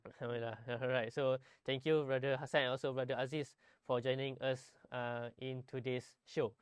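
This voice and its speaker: Hesitant male talk show host, smooth voice. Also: medium pitch, level tone, fairly quick, no echo. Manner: hesitant, many ums and uhs. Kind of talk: casual campus talk show.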